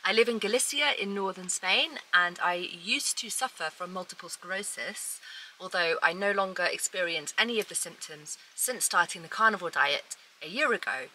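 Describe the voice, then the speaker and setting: Woman, forties, very bright crisp-edged tone, lowish pitch, casual vlog advice, inside a small camper van. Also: normal speed, slight background noise, poor audio. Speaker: video host.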